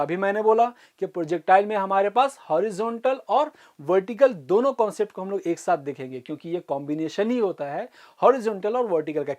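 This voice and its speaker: A woman teaching an online physics class for exam students. She explains step by step, slows down to dictate formulas, and keeps checking that students follow. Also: mid-range voice. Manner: explains step by step, often asks "ठीक है?" to check understanding.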